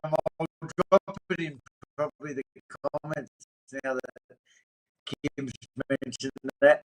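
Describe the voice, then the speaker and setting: A man's voice: fairly high pitch, unhurried, loud music behind the voice, poor audio. A man, talking casually as a guest on a video call whose audio warbles and breaks up. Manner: relaxed, swears casually, many ums. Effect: glitchy, warbling video call audio dropping out. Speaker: guest, recovery coach. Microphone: remote video call.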